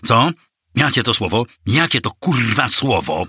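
Man voicing a gangster boss, mocking, menacing, forceful, dry recording. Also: on the low side, lively intonation, measured pace, no room sound, exaggerated voice. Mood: furious. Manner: sneering, mocking, bursts into shouting. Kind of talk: audiobook character voice.

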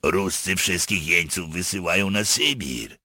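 A man's voice: low-pitched, a little slow, bright, forceful tone, no echo, clean studio sound, full character voice. A man voicing a hardened male Cossack partisan, grim and matter-of-fact in an audiobook. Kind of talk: audiobook character voice.

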